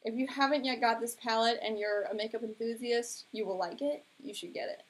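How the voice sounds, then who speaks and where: A woman's voice: fairly high pitch, steady tone, a little fast, a little hiss or hum. A young woman chatting casually on her own live stream, rambling along with lots of filler words. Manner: chatty and rambling, heavy use of "like". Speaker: beauty vlogger hosting a live stream. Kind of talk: casual live-stream chat about makeup.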